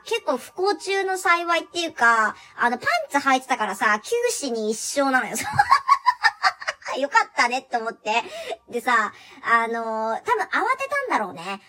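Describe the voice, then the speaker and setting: A young woman telling a funny story from her job in a chatty, animated way, laughing often. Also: sits high, normal speed. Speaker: live chat performer telling a work story. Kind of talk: casual solo talk radio storytelling.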